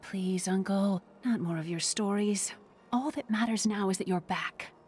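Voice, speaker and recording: A woman's voice: medium pitch, a little slow, noisy background, natural voice. Woman playing a caring, impatient young niece. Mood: pleading, relieved. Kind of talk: video game voice acting.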